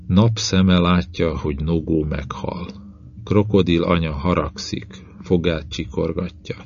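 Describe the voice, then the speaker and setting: A man reading the part of a weak, feverish caveman in a slow, quiet, halting murmur, in an audiobook. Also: low-pitched, fairly even intonation, vocal fry, a little hiss or hum. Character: feverish dying male caveman, primitive, weary. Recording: dull lo-fi recording.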